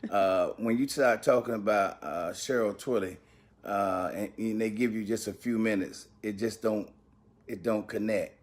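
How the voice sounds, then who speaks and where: A man's voice: fairly low pitch, a little slow. A pastor, a man, giving a folksy, joking and emphatic memorial tribute.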